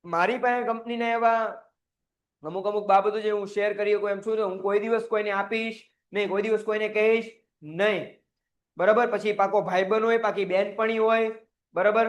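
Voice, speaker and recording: High-voiced man teaching a class. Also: fairly even intonation, moderate pace. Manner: asks constant rhetorical questions, acts out little quoted scenes; mixes English words into his talk. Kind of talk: recorded classroom lecture. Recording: dull lo-fi audio.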